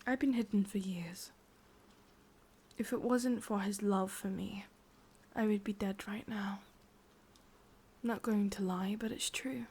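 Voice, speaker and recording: In an ASMR roleplay, an English-accented woman plays an ancient witch pining for love, whispering softly and breathily with musing pauses. Her mid-range voice keeps a fairly even intonation, and the mood is wistful and sorrowful.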